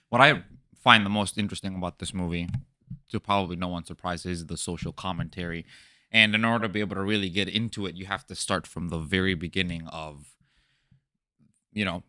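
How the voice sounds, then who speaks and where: A man's voice: on the low side, bright, forceful tone. A man giving his thoughts on a casual podcast, rambling and hesitant as he searches for words. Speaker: podcast guest.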